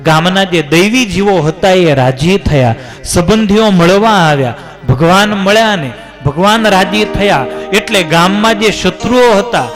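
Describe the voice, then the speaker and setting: A man with a high voice tells a devotional story in the manner of a sermon. His delivery climbs and falls dramatically as he narrates. Soft music plays faintly behind him. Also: unhurried. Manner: dramatic rises and drops in pitch. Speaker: religious storyteller.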